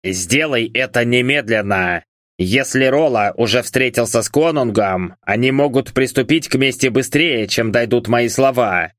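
A hoarse, drunken nobleman who speaks slowly and menacingly, voiced by a man. His lines sound cold and commanding. The audiobook sound is dry and close to the mic. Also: medium pitch, a bit bright, dry recording, close to an everyday voice. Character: hoarse drunken angry middle-aged male baron.

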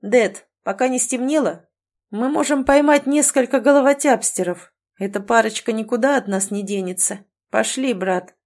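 Give me a woman playing a sly, leering toothless bandit man with a slow drawl. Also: fairly high pitch, a little mellow, voice pushed up, lightly acted. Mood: plotting.

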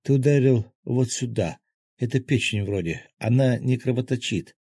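A man's voice: medium pitch, normal speed, mellow, slightly rough, no room sound, voice pushed up. A man voicing an observant guardian who points things out in a matter-of-fact way, in an audiobook. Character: observant male guardian spirit.

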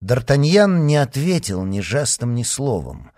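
A man's voice: medium pitch, measured pace, dry recording, studio quality. Dramatic male audiobook narrator. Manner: expressive, dramatic reading. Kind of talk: scripted narration.

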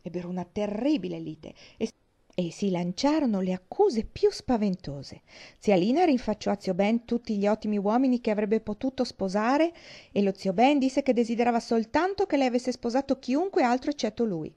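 A woman reading a novel aloud as an audiobook narrator, in a steady, unhurried manner. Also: a little high. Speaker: audiobook reader. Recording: dull lo-fi audiobook recording.

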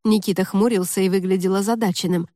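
A woman reads an audiobook in a steady, even storytelling manner. Her voice is dark and mellow, and the recording is dry, close and free of room sound. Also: mid-range voice, quick pace, dry recording. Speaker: audiobook narrator. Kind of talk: scripted audiobook narration.

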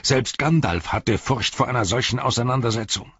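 A man reading a story and voicing an agitated, gruff male dwarf warrior who exclaims in alarm. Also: mid-range voice, moderate pace, fairly bright tone, no echo, highs cut off, voice pushed up.

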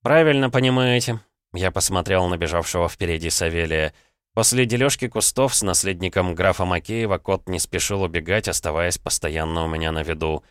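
Low, clear male audiobook narrator. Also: a little fast, no room sound, studio quality. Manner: wry, conversational, even. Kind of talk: first-person audiobook narration.

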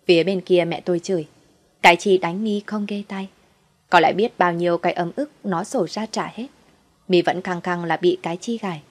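A woman's voice: fairly low pitch, fairly even intonation, normal speed. A woman narrating a first-person family drama story, telling it through the husband's eyes.

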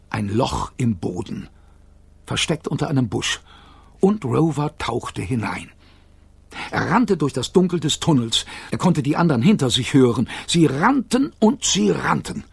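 A man reading a children's audiobook aloud in a playful, expressive storytelling manner. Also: medium pitch, gravelly, husky, no echo. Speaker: audiobook narrator.

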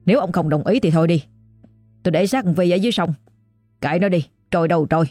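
A woman's voice: lowish voice, dark tone, dry recording, faint music behind, lightly acted. A woman voicing a greedy, ruthless middle-aged boss who haggles harshly. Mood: threatening. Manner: gruff, hectoring, rapid.

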